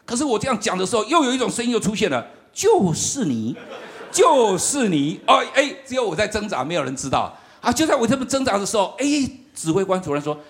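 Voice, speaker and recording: Man, middle-aged, high and animated, humorous sermon storyteller. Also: racing, few pauses. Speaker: campus ministry worker. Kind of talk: sermon testimony.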